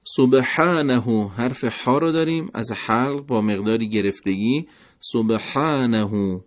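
A man giving a pronunciation lesson, speaking deliberately and repeating words slowly to demonstrate each sound. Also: mid-range voice. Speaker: recitation teacher.

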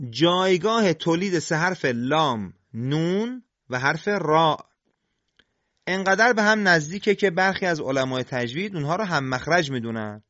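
A man with a slightly high voice gives a deliberate, step-by-step pronunciation lesson and pauses to sound out each letter. The recording is dry and a little dull and lo-fi. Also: fairly bright tone, dry recording. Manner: slow, deliberate, demonstrates sounds. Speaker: Quran recitation teacher. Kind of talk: scripted instructional lesson on tajweed.

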